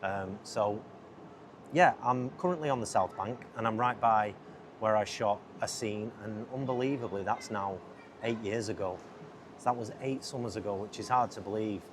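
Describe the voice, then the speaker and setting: Recorded on a lapel mic beside a busy city river, this podcast host and filmmaker talks casually, wanders off topic, and cuts himself off mid-thought. His voice is on the low side, paced moderately. Loud outdoor ambience surrounds him.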